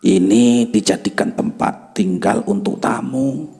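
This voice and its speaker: Man playing a brusque village elder type, sharp scolding tone, horror story. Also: mid-range voice, unhurried, gravelly, pitched above the performer's own voice. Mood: curt. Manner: curt, sharp, Javanese-tinged scolding. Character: stern older male village guide.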